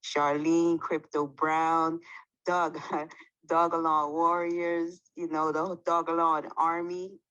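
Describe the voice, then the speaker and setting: A woman in a live audio chat, relaxed and friendly. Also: sits low, slow pace, clear, resonant tone, rough recording. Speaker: audience speaker. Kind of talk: casual chat on an audio call.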